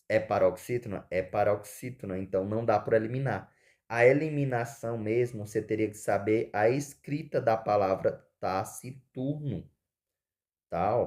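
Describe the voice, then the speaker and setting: Man, teacher, exam walkthrough, warm mellow tone, repeats key words, asks and answers his own questions. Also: on the low side.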